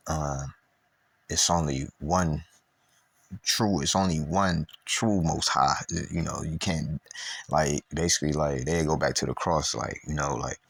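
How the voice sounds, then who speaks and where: A man with an extremely deep, husky voice talks through a Bible lesson in loose street slang, full of fillers and asides. When he reads scripture he slows down and trips over the archaic words. The recording is dry and close, with no room sound. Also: steady tone, dry recording. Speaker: Bible teacher. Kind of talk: casual Bible study talk.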